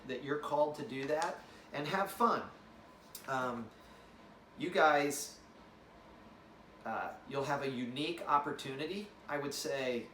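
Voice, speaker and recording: A man's voice: fairly high pitch, a bit bright, slight background noise. A man leading a fellowship, giving an informal, rambling address to an incoming class, with many fillers and restarts. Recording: roomy, distant mic with faint ambience.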